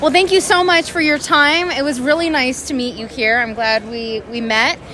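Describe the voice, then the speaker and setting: A woman's voice: sits high, fairly even intonation, moderate pace, crowd noise. A woman hosting casual on-site interviews at a conference event. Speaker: interviewer, host. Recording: music and event noise behind. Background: music.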